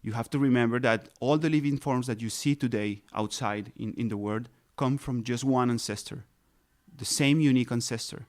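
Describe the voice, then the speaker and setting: A man in his thirties who grew up in Colombia answers interview questions with patient, careful explanations. His voice sits in a middle pitch, and he often restarts a phrase or pauses on a filler before finding the word. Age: 30s. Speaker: ecologist guest.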